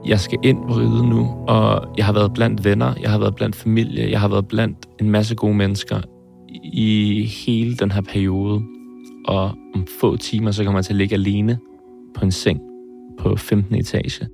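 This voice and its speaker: A man in his twenties, speaking hesitantly and thoughtfully in an interview, often pausing and restarting. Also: on the low side, level tone, creaky, a little mellow, faint music behind. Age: 20s. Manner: hesitant, pauses and restarts, searching for words. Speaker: film director interviewed about his heart surgery. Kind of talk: reflective interview.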